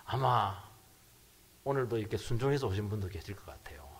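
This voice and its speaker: A middle-aged man, a pastor, preaching a sermon emphatically, his voice jumping from loud bursts down to near whispers. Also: on the low side, a little fast, husky.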